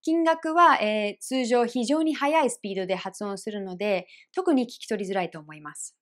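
A woman teaching English pronunciation in an online lesson, explaining clearly and repeating example phrases slowly. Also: medium pitch. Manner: clear, careful explanations with slow repeated demonstrations.

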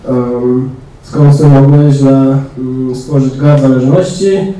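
A young man giving a technical talk in a large lecture room, pausing often with fillers. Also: mid-range voice, fairly even intonation, warm tone. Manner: hesitant, many fillers. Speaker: conference speaker. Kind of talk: technical presentation. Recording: echoey hall, distant mic.

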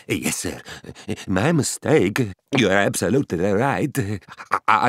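A boastful, playful old male astronomer tells his own story in a children's cartoon. The voice is low and unhurried but swings widely up and down. The recording is close and dry. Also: no room sound, exaggerated voice. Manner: chatty and cheeky, with lively asides. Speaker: first-person narrator.

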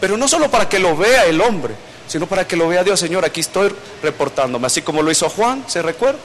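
High-voiced pastor preaching. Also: male voice, big pitch swings, fast, fairly bright tone, slight background noise. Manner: conversational storytelling preaching, acting out quoted voices. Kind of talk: sermon.

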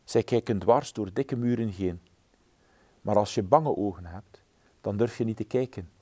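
A man doing a calm, wise blue bird. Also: lowish voice, normal speed, no room sound, natural voice. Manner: calm, gently instructive. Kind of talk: storybook reading.

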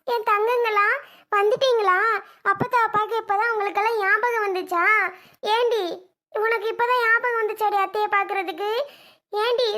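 A woman's voice: extremely high pitch, bright, forceful tone. Woman playing an emotional scolding mother-in-law. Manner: scolding, pleading, tearful reproach. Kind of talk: family skit acting.

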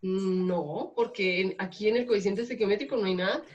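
A Colombian woman teaches a chemistry lab class, pausing often to ask her students whether they follow. The recording is dull and lo-fi, made in a classroom. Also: mid-range voice, a little mellow. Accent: Colombian Spanish. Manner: checks in often with questions to students. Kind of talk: classroom lecture.

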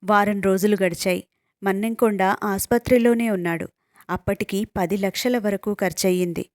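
A woman narrating a story for an audiobook in a measured, plain way. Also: mid-range voice, fairly even intonation, darkish tone, no echo, studio quality.

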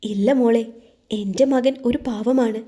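A woman's voice: on the high side, steady tone, unhurried, dark tone, breathy edge. A woman voicing a caring middle-aged mother who comforts her daughter-in-law with earnest, soothing pleading in an audio story. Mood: tender, firm.

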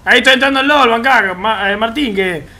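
A man's voice: very high voice, brisk, bright, forceful tone. A man with an Argentine Rioplatense accent, chatting casually with his live-stream chat in slangy, easygoing talk while he plays a game. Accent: Argentine Rioplatense Spanish. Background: faint game music.

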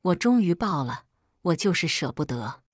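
A woman's voice: lowish voice, big pitch swings, moderate pace, no room sound, clean studio sound. A woman narrating a first-person story in a conversational, exasperated storytelling manner.

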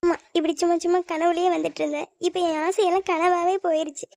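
A woman's voice: very high voice, flat delivery, fast talker, darkish tone, no echo, clean studio sound. Woman voicing a lovesick tearful young woman. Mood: longing. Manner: plaintive, sulky and hurt. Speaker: voice actor. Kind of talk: cartoon voice acting.

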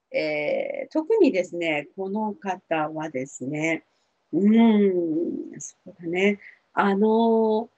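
Woman, husky voice, animated rise and fall, gentle reassuring advice talk, dull lo-fi TV audio. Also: lowish voice. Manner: gentle, reassuring, many fillers. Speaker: spiritual counselor answering viewer questions.

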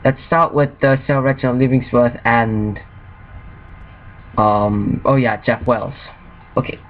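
A man's voice: medium pitch, little pitch movement, takes it slowly. A man hosting a homemade comedy show, talking in a rambling way with many fillers. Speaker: show host. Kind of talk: homemade comedy show, doing all voices. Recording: dull lo-fi home recording.

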